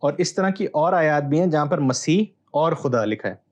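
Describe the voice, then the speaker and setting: A man, a Bible scholar guest, explaining texts in a measured, teacherly way with hesitant pauses. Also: a little high, lively intonation. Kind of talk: explanatory interview answer.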